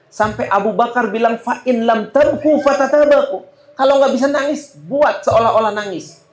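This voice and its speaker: A man's voice: on the high side, a little mellow. Male preacher with echoey room sound. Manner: storytelling, often addressing listeners as "Pak". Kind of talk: sermon. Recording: roomy echo.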